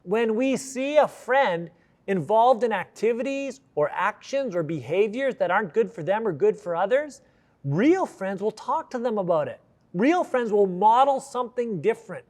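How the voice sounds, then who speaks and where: High voiced youth pastor guy, middle-aged, chatty earnest sermon full of likes. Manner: earnest, conversational, many likes and restarts.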